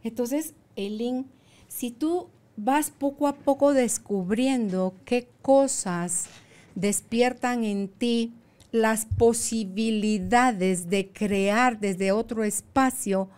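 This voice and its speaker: A woman in her sixties speaking with a fairly high voice. She hosts a relaxed conversation and tells her stories in a lively, playful way. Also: slow pace. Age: 60s. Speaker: podcast host. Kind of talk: casual conversation.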